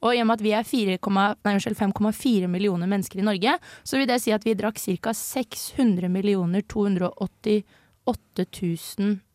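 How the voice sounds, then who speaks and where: A woman's voice: mid-range voice, a little mellow, no room sound, clean studio sound. Chatty young Norwegian woman on radio. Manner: chatty, self-correcting, explains with hesitations. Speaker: co-host presenting research. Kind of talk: casual radio chat. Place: student radio studio.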